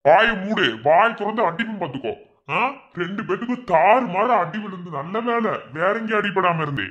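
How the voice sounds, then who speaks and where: A man with a Madurai Tamil accent voicing a young village brother and husband in an animated family cartoon, grumbling and scolding. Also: high voice, brisk, lo-fi sound. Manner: grumbling, scolding then soothing.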